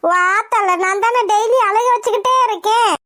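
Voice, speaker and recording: A woman voicing a sharp-tongued old grandmother in a cartoon, teasing and scolding. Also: very high voice, steady tone, brisk, no room sound, studio quality. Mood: mocking. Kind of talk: cartoon voice acting.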